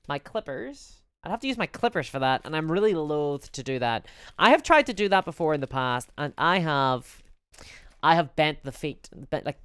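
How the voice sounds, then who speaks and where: Talking casually and candidly to her live audience, a Belfast streamer from Northern Ireland has a voice that sits low for a woman yet swings animatedly up and down. Her tone is smooth, clean and fairly bright, conversational throughout, on a dry recording.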